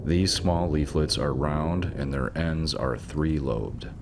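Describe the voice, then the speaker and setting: A man with a strikingly low, deep voice narrates an educational nature video at an even, measured pace. His delivery is scripted and informative, with the occasional dry aside. A faint hiss sits under the voice-over.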